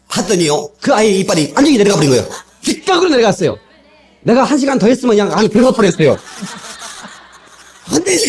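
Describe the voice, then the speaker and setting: Animated pastor telling testimony on old tape. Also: male voice, high voice, background noise. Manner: animated storytelling, acting out quoted voices, frequent laughter. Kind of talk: sermon with personal testimony. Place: church sanctuary. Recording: old cassette tape sermon recording with congregation audible.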